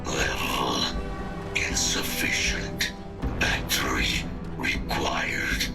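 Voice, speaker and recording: Rusty broken-down robot, super deep, chopped single words. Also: male voice, completely flat delivery, very slow, over loud music, full character voice. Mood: flat. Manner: clipped one-word machine announcements. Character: failing low-power male ship robot, clipped. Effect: rusty robotic voice filter.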